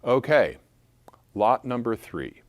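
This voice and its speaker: A man's voice: medium pitch, sing-song, takes it slowly, no echo. A man calling a live charity auction for a school, playful and joking between bids.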